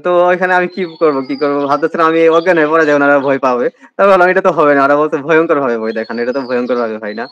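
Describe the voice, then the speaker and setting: This admission candidate, a young man with a Bangladeshi Bengali accent, talks very fast with few pauses in a slightly high, somewhat bright voice, filling his casual interview story with hesitations. The highs in the audio are cut off.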